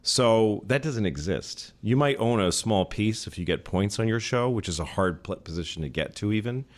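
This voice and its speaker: A comedian guest in his mid-forties rambles through a casual podcast conversation, interrupting himself and reaching for sports analogies. His voice is lowish and expressive, at a normal speed.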